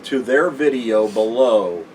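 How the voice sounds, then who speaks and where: A man co-hosting a casual RV vlog, chatting at length in a relaxed way from inside an RV. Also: mid-range voice, slow. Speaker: RV vlog co-host. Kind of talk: casual chat. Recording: distant mic with steady background noise.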